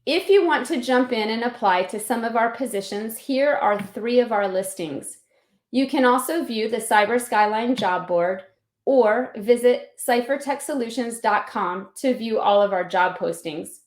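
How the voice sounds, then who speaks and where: A higher-voiced woman delivers a scripted recruiting presentation with a polished, salesy recruiter manner. The sound is roomy, with noticeable echo around her words. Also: a little slow. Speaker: company recruiter giving a pitch. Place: indoor room on an online video call.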